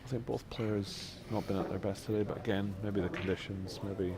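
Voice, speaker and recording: Deep-voiced pool commentator. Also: male voice, fairly even intonation, creaky. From Scotland. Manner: measured, analytical shot-by-shot remarks. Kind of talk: live sports commentary. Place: busy pool venue. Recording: crowd noise in a venue. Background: crowd chatter.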